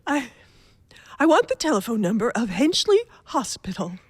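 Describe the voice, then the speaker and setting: A woman's voice: fairly high pitch, very animated, moderate pace, breathy edge, no room sound. A woman playing an anxious, imperious, self-pitying invalid wife in a radio thriller, with dramatic gasps and a demanding manner. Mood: anxious urgency.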